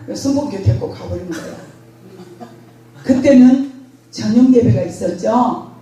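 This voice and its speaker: An older woman pastor preaching a sermon with animated storytelling, acting out scenes herself. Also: on the high side, moderate pace. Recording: very echoey hall, distant mic.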